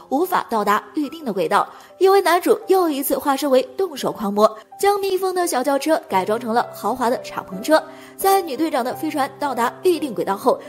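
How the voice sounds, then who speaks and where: A woman reading a scripted movie recap as narrator, talking fast in a continuous delivery. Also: high voice.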